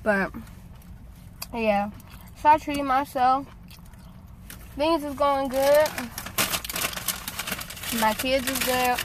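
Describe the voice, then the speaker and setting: A woman's voice: high-pitched, drawn-out words, pauses often. An American woman chats casually and slangily to viewers while eating, often with her mouth full. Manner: folksy, slangy, addressing viewers directly. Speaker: vlogger. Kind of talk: casual eating-show chat. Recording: clearly noisy ambient background.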